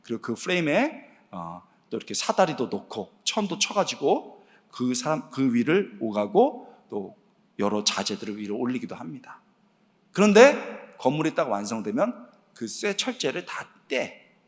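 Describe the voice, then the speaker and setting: A middle-aged man preaching a sermon in a church sanctuary, telling a personal story in an animated, exclamatory way and often addressing the congregation directly. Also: medium pitch, measured pace. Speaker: guest preacher and preaching professor. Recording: long church-hall reverb.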